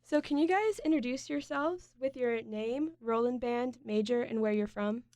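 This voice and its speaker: A woman's voice: fairly high pitch, normal speed, darkish tone, no echo, studio quality. A young woman hosting a college radio interview, asking friendly, upbeat questions.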